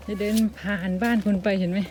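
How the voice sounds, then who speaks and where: A woman's voice: medium pitch, steady tone, quick pace, darkish tone, slight background noise. A woman with an Isan accent talking casually as she walks and films outdoors in the countryside, keeping up a friendly patter with her viewers. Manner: chatty, keeps addressing viewers as brothers and sisters. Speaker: vlogger. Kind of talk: casual walking vlog.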